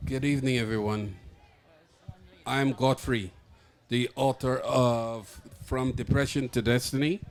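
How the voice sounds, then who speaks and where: A man's voice: mid-range voice, fairly even intonation, measured pace. A man from Guyana presents his memoir at a book expo, speaking hesitantly and restarting phrases. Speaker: memoir author.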